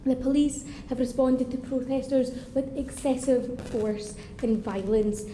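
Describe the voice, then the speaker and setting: A woman's voice: high voice, measured pace, mellow, a little hiss or hum. Scottish woman speaking in a roomy chamber. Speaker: member of parliament. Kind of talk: formal parliamentary speech. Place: parliamentary debating chamber.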